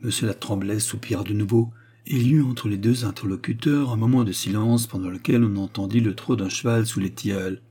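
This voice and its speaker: Warm, husky male audiobook narrator. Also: lowish voice, a little fast. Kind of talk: scripted narration of a novel.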